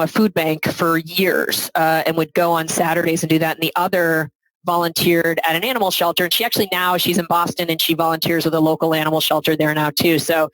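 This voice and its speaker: A woman's voice: on the low side, dry recording, rough recording. Woman, middle-aged, reflective podcast guest, dry close sound. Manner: reflective, adds frequent "right?" tag questions. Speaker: guest, philanthropy advisor. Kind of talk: conversational podcast interview.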